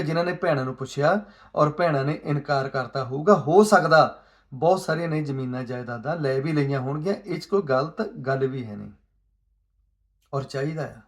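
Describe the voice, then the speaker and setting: Speaking at a normal speed in a fairly high voice, a man makes an earnest plea about social issues. He throws out rhetorical questions and moves between hushed asides and stressed points.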